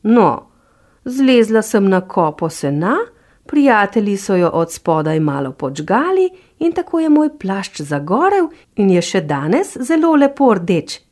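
A woman's voice: mid-range voice, sing-song, a little mellow, pitched above the performer's own voice, close to an everyday voice. A woman voicing a sly, teasing vixen in a storybook reading.

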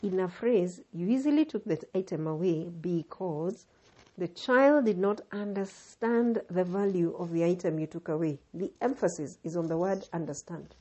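A woman with a Kenyan accent hosting a podcast, delivering scripted narration with deliberate, emphatic phrasing. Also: lowish voice, dark tone, slightly rough, rough recording. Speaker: podcast host.

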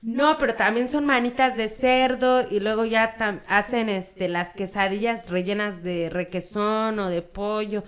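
A woman's voice: medium pitch, fairly even intonation, unhurried, few pauses. A woman from Guerrero with a Mexican accent, chatting casually as a podcast guest. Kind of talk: casual chat.

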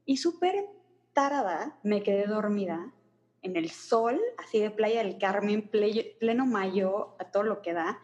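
A woman's voice: mid-range voice, a little slow. Chatty Mexico City woman, faint hum. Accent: Mexico City Spanish. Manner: chatty, slangy, expressive quoting. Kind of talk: casual storytelling chat.

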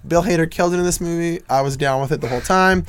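The young man co-hosting this informal film podcast talks freely, full of profanity, laughter and quick jokes. His fairly high voice has a clean tone on a dry recording.

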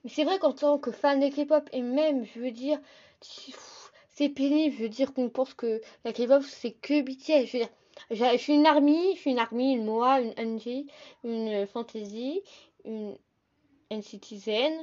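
A young woman hosting a casual solo podcast, talking fast and chatty, often calling her listeners "the guys". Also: high-pitched, steady tone, darkish tone, lo-fi sound. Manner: fast, chatty, addresses listeners as "les gars". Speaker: podcast host.

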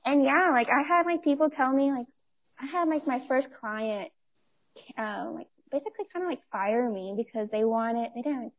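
A woman's voice: high-pitched, normal speed. A woman in her twenties chatting as an interview guest, full of fillers and easy laughs. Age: 20s. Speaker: guest, nonprofit owner. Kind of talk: casual interview chat.

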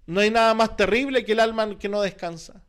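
A man with a Chilean Spanish accent preaches to his congregation. His voice sits very high, and he presses his points earnestly, circling back with repeated phrases and rhetorical questions. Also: fairly even intonation, a little fast, fairly bright tone, clear, resonant tone. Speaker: pastor. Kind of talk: sermon.

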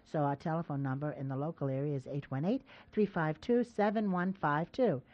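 A woman's voice: deep voice, fairly quick, darkish tone. A woman hosting a radio call-in show, chatting casually and teasing her callers in a coaxing way. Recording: dull lo-fi radio broadcast sound.

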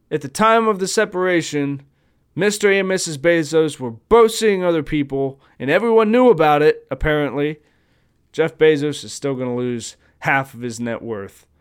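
A man's voice: fairly high pitch, animated, normal speed, clear, resonant tone. A man hosting his own podcast, ranting in a casual, profane, rambling monologue. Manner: profane, rambling, mock-stammers people he imitates. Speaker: podcast host. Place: home recording, seated at phone.

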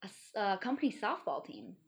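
A woman's voice: mid-range voice, huge pitch swings, fairly quick, creaky. A woman in her thirties from Iowa, a guest in a casual interview, chatty and playful, laughing often.

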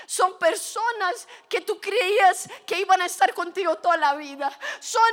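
A woman preacher giving a sermon, telling stories with animated delivery and breaking into shouts. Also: very high voice.

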